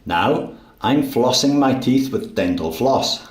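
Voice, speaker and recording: A man teaching English, slowly narrating everyday actions in a clear, deliberate way. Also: medium pitch, lively intonation, reverberant. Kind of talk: slow, simple narration of daily actions.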